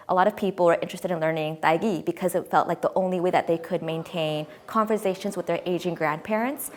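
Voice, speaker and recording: Articulate young woman, interview guest. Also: on the low side. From United States. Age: 20s. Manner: articulate, enthusiastic, measured. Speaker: interview guest, editor-in-chief. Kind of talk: conversational interview.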